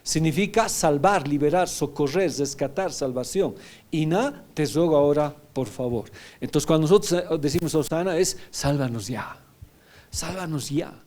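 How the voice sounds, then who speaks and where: Pastor preaching in a mellow voice. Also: male voice, on the high side, normal speed. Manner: teaching, often checking in with "¿ya?". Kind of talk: sermon.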